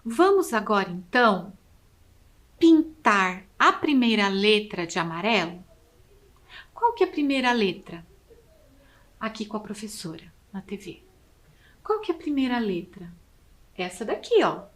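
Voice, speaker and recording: Slow, patient woman teacher. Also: medium pitch, sing-song, fairly bright tone. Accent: Brazilian Portuguese. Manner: slow, patient, counting and spelling aloud. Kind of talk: video lesson for children.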